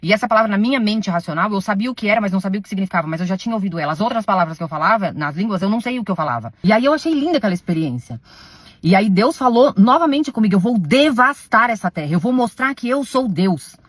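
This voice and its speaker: A woman giving an emotional religious testimony to her followers, defensive and pleading, her voice swinging between hushed and raised. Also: medium pitch, animated, rapid-fire, no echo. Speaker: self-described servant of God recounting a spiritual experience.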